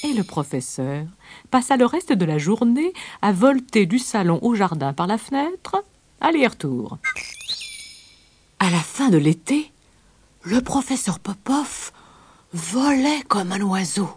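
A woman narrating a children's storybook with a gentle, expressive read-aloud manner. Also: medium pitch, unhurried, long pauses, breathy edge.

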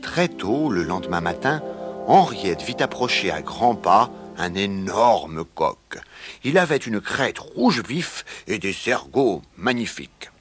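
A man reading a children's story aloud in an expressive way. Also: fairly low pitch, breathy edge, faint music behind. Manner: slow, expressive read-aloud.

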